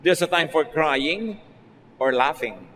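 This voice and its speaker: A man with a Filipino accent, a pastor giving a conversational radio sermon that mixes Filipino and English, with sudden lively rises in pitch. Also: slow pace. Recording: faint noise, long reverb.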